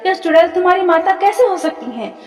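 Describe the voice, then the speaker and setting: Firm gentleman father, woman doing the voice, high-pitched, echoey far-off sound. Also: animated, brisk. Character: stern landowner father, steady gentleman. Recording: echoey hall from far off, faint music.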